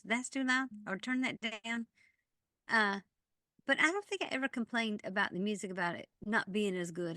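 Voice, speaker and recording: A woman's voice: medium pitch, bright, forceful tone, no echo, studio quality. A woman in her fifties, co-hosting a podcast with casual, good-humored chat that rambles between thoughts. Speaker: podcast co-host. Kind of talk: casual chat over wine.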